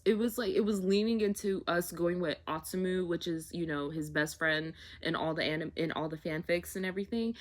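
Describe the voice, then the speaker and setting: Young woman vlogger, casual profane rant, constant fillers, mid pitch. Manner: animated, profane, filler-heavy "like".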